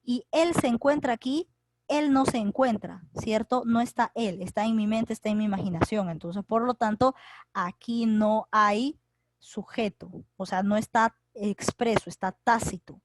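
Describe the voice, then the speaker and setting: A middle-aged woman teaches an online grammar class. Her voice sits fairly high, and the sound is dry and close, with no room echo. She works through each point step by step and keeps checking in with tag questions. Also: moderate pace, darkish tone. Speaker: secondary school teacher. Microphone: computer mic in a video class.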